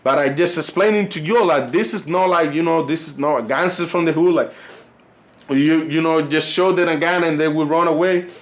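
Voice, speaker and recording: In casual vlog commentary, a young Colombian YouTuber in his 20s talks at a normal pace with fairly even intonation and a higher voice. A native Spanish speaker with a Colombian accent, he rambles, filling gaps with "you know" and "fellas."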